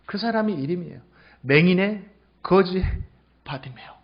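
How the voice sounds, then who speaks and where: High-voiced pastor preaching in a dull recording. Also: male voice, expressive. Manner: storytelling preaching, swings from hushed to loud exclamations; stretches out words slowly for emphasis. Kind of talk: Sunday sermon.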